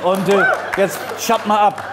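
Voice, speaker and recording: A man's voice: high voice, steady tone, unhurried, a loud crowd. A man as a talk show guest, boastfully telling a rambling anecdote and constantly saying "listen up" to himself. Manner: boastful, keeps interrupting himself with "pass auf". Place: TV studio with live audience. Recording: studio audience laughter and room noise.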